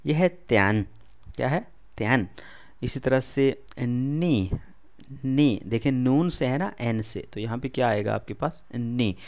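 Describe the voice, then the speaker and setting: A man with an Urdu accent teaches a first beginner lesson at an ordinary middle pitch. He explains slowly and patiently, repeating each word and putting questions back to the listener before answering them himself. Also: animated, a little mellow. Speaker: language teacher.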